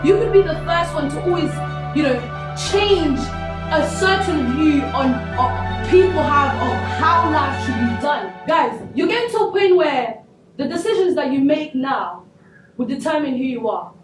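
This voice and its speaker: A young woman from Congo, speaking as a school guest, encourages students in an earnest, conversational talk peppered with "you know." Her high voice is animated, at a normal speed. The recording has a distant-mic sound, the echo of the school hall, and music playing behind.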